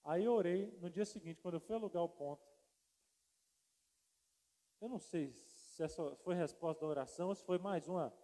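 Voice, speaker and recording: A male pastor preaching a sermon and telling a funny story, acting out the dialogue with lively energy. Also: high voice, a little fast, pauses often. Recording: long hall reverb.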